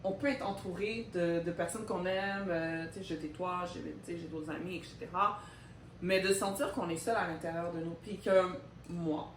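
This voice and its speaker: Speaking at a normal pace in a lowish, steady voice, this Québécois co-host in her thirties reflects casually, with hesitations and bits of English. She sits far from the mic, and the room is echoey with faint background noise.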